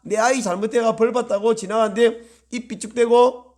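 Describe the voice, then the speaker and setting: A male pastor preaching a sermon, swinging from loud, pressing appeals to hushed, near-whispered prayer. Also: very high voice, fairly even intonation, normal speed.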